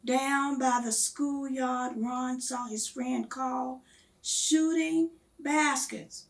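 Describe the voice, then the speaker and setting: A woman reading a children's story aloud in a measured, expressive storytelling manner. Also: sits high, gravelly.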